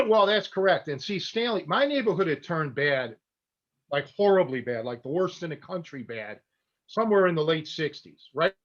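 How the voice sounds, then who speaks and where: A man calling in over a dull, lo-fi line whose choppy connection keeps dropping out, so the audio breaks up mid-sentence. His voice sits a bit high for a man, and he rambles along with restarts and throat clearing. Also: sing-song, moderate pace. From Cleveland, USA. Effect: choppy call connection dropping out. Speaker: guest. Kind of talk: casual recollection. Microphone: video call.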